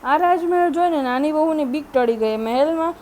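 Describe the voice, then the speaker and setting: Woman storyteller, high-pitched, gentle devotional folk tale narration, faint background noise. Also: a little fast, low-quality recording. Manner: gentle, addresses listeners as friends.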